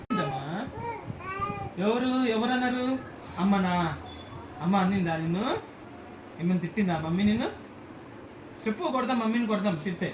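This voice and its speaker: A woman's voice: medium pitch, normal speed, pauses often. A woman in a home vlog, chatting playfully with a baby in coaxing baby talk and asking the same questions over and over. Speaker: vlogger talking with a baby. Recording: echoey room with loud background noise.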